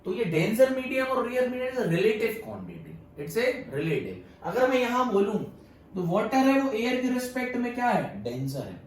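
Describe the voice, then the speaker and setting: A man lectures his class with a high, sing-song voice that rises and falls all the way through, and he often stops to ask his students if they follow. He sounds far from the mic in a strongly echoing room, with faint room noise under him. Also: sing-song, normal speed. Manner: mixes Hindi and English, keeps asking students "yes or no?". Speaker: physics teacher.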